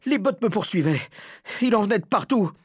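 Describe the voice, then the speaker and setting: A man reading a children's story aloud with dramatic, expressive first-person narration. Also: high-pitched, brisk, breathy edge, no echo, studio quality. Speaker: audiobook reader.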